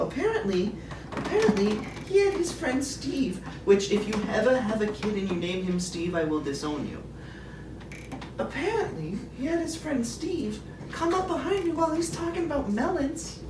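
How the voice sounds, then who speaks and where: A woman's voice: high voice, very animated, normal speed. A woman playing a rambling, indignant, eccentric elderly grandmother in a grandma voice, repeating herself in improvised comedy. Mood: indignant, distressed. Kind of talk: improvised comedy role-play. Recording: roomy, noisy, distant mic.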